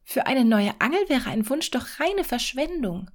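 A woman's voice: high voice, measured pace, voice pushed up, full character voice. A woman doing an eager, greedy fisherman's wife. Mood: eager, scheming. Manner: raised, eager, excited.

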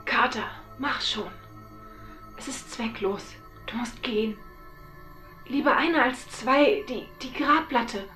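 Woman doing a terrified trapped man in an audio horror story, high, bright, slow and desperate. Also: soft background music. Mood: urgent. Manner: desperate, panicked pleading. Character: terrified man trapped in a tomb, calling up by phone.

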